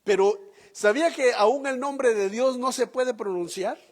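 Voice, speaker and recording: A man preaching a sermon as pastor, slow and emphatic, asking the congregation rhetorical questions. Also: very high voice, long reverb tail.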